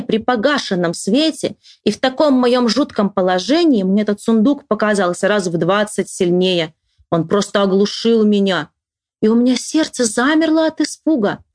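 A woman reading a children's story aloud to a child with lively, expressive storytelling, then asking the child about it. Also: a little high, no room sound, studio quality. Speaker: reader and teacher.

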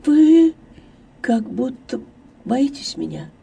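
An earnest young woman in love, pleading and tender, her voice raised higher and husky, as a reader puts her on. She speaks slowly in a soft, sometimes whispered way. The audiobook is heard from a distant mic. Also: very animated, full character voice. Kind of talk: audiobook character voice.

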